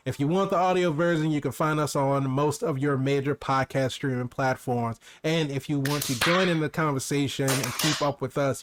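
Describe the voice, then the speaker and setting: Male co-host, mid-pitched, easygoing review chat, laughs readily. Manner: relaxed, laughs easily, runs the outro. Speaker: podcast co-host.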